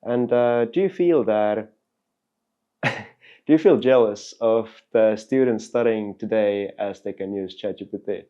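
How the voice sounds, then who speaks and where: A man's voice: lowish voice, measured pace, warm tone. Rambling male podcast host, muffled. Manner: rambling, searching questions. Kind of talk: casual interview.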